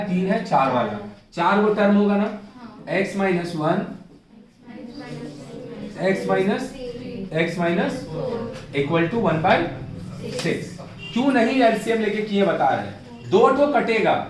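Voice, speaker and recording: A male math tutor leads a classroom lesson, repeating himself and quizzing his students. His voice sits high for a man. He is caught from a distance in a very echoey room. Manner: coaxing, repeats and asks students questions.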